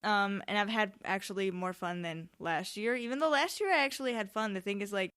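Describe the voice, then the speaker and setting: A woman's voice: medium pitch, a little fast, a bit bright, smooth. A young woman of seventeen hosting a casual solo podcast in an informal, rambling way, often interrupting herself and wandering off on digressions. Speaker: podcast host. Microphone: microphone on a tripod.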